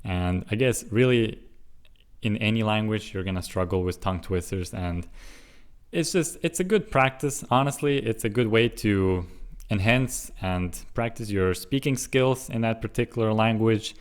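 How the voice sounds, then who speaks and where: In a casual solo vlog, a young language-learning vlogger from Switzerland, raised with English and Russian, chats loosely to the camera in a low, clear, resonant voice. Hard foreign words make him slow right down and sound them out haltingly; otherwise he drifts along, chatty and reflective.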